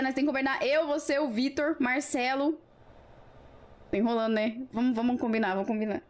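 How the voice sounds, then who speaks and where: A Brazilian woman hosting a live stream, chatting casually with viewers in a playful, teasing way. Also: sits high. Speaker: livestream host.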